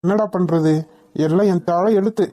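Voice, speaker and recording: A woman's voice: on the low side, moderate pace, warm tone, lightly acted. A woman voicing a bitter, grieving young man in a cartoon, resentful and angry. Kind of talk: cartoon voice acting.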